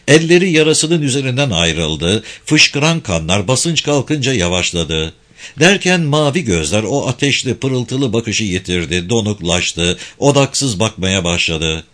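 A man narrating a war novel as an audiobook, with tense, expressive storytelling. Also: fairly low pitch.

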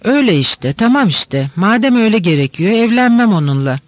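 A man reading the part of a lively, stubborn teenage girl in an audiobook, teasing and insistent. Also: high voice, fairly quick, no echo. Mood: eager.

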